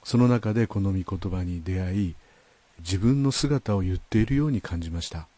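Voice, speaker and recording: A man's voice: low voice, moderate pace, warm tone, no echo. A man sharing a thoughtful, personal sermon reflection in a conversational way. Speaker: pastor.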